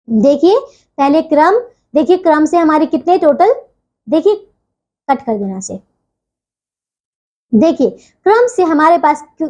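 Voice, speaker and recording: A woman teacher giving a recorded grammar lesson to children, patiently spelling out sounds and examples and often pausing to reassure them. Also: extremely high pitch. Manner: patient, repeats a stock phrase of reassurance.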